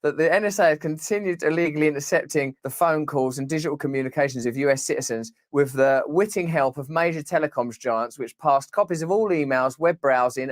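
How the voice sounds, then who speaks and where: A man with a slightly high voice hosts a comic news commentary, recorded very dry. He reads reports aloud, then riffs on them with animated, irreverent, sweary asides. He often fires rhetorical questions straight at the listener. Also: dry recording. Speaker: commentary show host.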